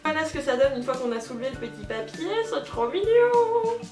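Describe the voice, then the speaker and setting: Bubbly high-voiced young woman. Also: racing. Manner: bubbly, gushing, self-mocking, with many fillers. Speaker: unboxing video host. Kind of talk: casual unboxing chat. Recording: roomy, distant, with music behind.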